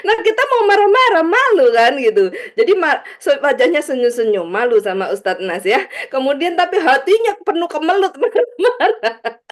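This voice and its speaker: A fairly high-voiced woman leads a live spiritual study session. She is chatty and laughs often. She tags her points with small asides and acts out everyday examples in other voices. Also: sing-song, moderate pace. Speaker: spiritual teacher.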